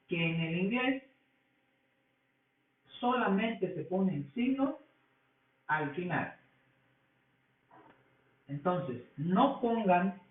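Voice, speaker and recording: A man with a Mexican Spanish accent gives a recorded English grammar lesson, his voice sitting high for a man. He explains slowly, going over each point again and again. The sound is thin and phone-like, with a roomy echo. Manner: slow, repetitive explaining. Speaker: English teacher.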